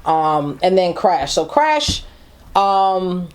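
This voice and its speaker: A woman's voice: on the low side, sing-song, drawn-out words. Female podcast co-host; casual, chatty, laughs easily, repeats herself. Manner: chatty, frequent fillers and repeats. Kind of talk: casual music review chat.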